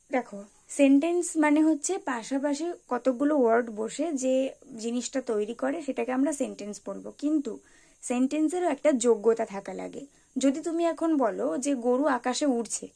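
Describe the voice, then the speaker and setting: A woman's voice: high voice, gravelly, darkish tone. A woman teaching an English lesson for beginners, carefully spelling out example words one by one. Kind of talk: explanatory tutorial lesson.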